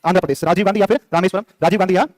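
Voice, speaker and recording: A man's voice: high-pitched, fairly even intonation, very fast, no echo. A middle-aged male teacher giving a classroom lecture, repeating names over and over and asking and answering his own questions. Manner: chatty asides to students. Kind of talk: classroom lecture with call-and-response drilling.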